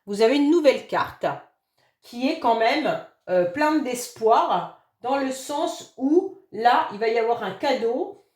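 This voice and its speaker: Hoarse woman tarot reader, high voice, gentle reassuring delivery, echoey room. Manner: gentle, reassuring, fond of "d'accord?" and "hein". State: hoarse voice after illness, occasional cough. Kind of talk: monthly astrology reading for a sign.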